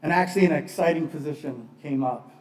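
Speaking at a quick pace, a middle-aged pastor with a darkish voice on the high side preaches far from the mic, the room echoing around him. He shares personal testimony in an earnest, conversational way, repeating phrases for emphasis. His background: born in Bangladesh, raised partly in Pakistan in a missionary family.

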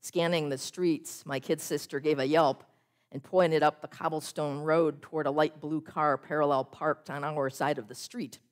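A woman preaching a sermon, telling a story in a measured way and slowing down on key phrases. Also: deep voice.

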